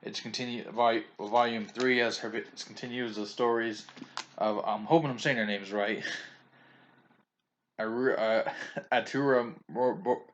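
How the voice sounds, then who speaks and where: A man's voice: medium pitch, fairly even intonation, unhurried, dull audio. A man talking casually in a video about books he bought, rambling, restarting often and stumbling over names, chatty and opinionated. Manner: chatty and opinionated, with frequent chuckles. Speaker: vlogger reviewing a manga haul.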